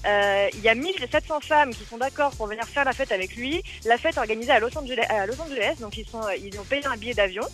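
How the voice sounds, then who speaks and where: A woman's voice: fairly high pitch, fairly bright tone, faint music behind. A woman giving a playful, teasing web news column on radio, joking as she talks. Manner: playful, teasing, quick talk with laughs.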